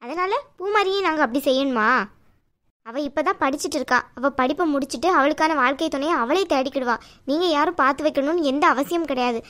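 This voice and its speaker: A fiery, protective young sister in a cartoon, firing off indignant questions, voiced by a woman. Her voice sits high and sharp throughout. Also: fairly quick. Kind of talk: cartoon voice acting.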